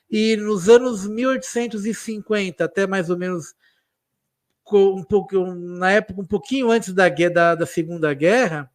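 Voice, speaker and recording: With studio quality and no room sound, this high-voiced Brazilian man talks history casually as a live-stream guest. His São Paulo accent carries a faint Italian lilt, and his speech is full of restarts and slangy fillers.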